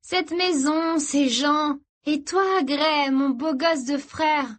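A woman narrator voicing a young woman high on ecstasy, gushing with affection in a drawn-out, sing-song voice. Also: steady tone. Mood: euphoric, gushing.

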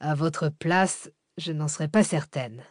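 A woman voicing a calm, guarded man who talks in a curt, unhurried way. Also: sits low, dry recording, studio quality, voice pushed down. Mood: dry.

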